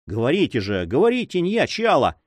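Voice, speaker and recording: A man's voice: mid-range voice, big pitch swings, normal speed, no room sound, studio quality, pitched above the performer's own voice, close to an everyday voice. A man voicing an eager young nobleman in love who pleads impatiently.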